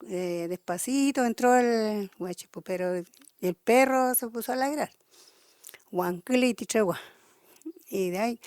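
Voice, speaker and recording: A woman with a Chilean accent telling a traditional folk tale aloud, halting and often restarting her phrases. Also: on the high side, darkish tone, dry recording, studio quality. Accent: Chilean Spanish. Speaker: storyteller.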